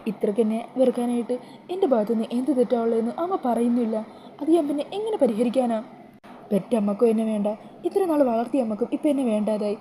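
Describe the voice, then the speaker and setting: A woman's voice: fairly high pitch, fast, warm tone, a little hiss or hum, close to an everyday voice. A woman voicing a young woman who pleads with her mother in tears, in a retold TV serial. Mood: tearful pleading. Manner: pleading, distraught.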